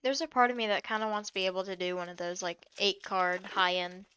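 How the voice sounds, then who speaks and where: A woman's voice: medium pitch, fairly even intonation, brisk, pushed and bright, slight background noise. A woman co-hosting a card break, adding brief remarks and questions from off to the side. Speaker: co-host. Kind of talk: casual chat.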